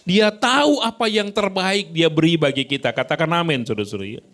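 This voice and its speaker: A male pastor delivers a sermon in a church with a somewhat high-pitched voice. He preaches in a loose, conversational way, often turning to address the congregation directly. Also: animated, a little fast, a bit bright.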